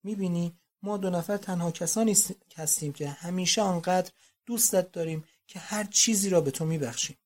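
A poised young society wife in an audiobook, voiced by the narrator. She speaks softly and confidingly, quieter than the narration around her. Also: lowish voice, voice pushed up, natural voice. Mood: tender. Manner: soft, confiding. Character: young society wife, self-assured and affectionate. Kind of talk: audiobook reading.

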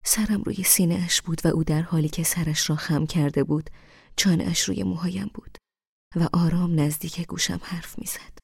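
A woman with a low voice reading a first-person novel, quietly and intimately, often dropping to a near whisper. The recording is dry and close, with no room sound. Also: steady tone, gravelly, slightly rough, no room sound. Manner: soft, at times near-whispered. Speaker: audiobook narrator.

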